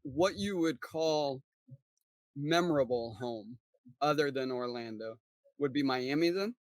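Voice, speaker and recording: A man's voice: medium pitch, a little slow, no echo. A man from South Texas hosting a casual interview podcast, asking friendly questions and sharing his own stories. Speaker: podcast host.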